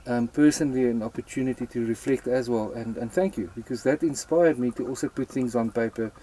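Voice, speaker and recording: A man interviewing a guest, encouraging and supportive, filling pauses with "yeah". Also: medium pitch, dark tone, rough recording. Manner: supportive, constant "yeah" backchannels. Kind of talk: casual interview.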